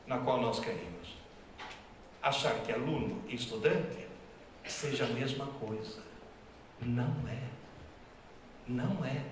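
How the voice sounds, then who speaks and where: This Italian-speaking professor delivers a funny public lecture, sounding emphatic, wry and teasing at a medium pitch. He's captured from a distance in a hall full of echo, with a little hiss or hum on the track.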